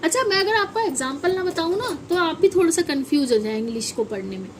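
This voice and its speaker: A woman's voice: very high voice, expressive, fast talker, slight background noise. A woman teaching an English phonics lesson to children. She spells words out letter by letter and asks the children to say them back. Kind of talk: classroom-style phonics lesson.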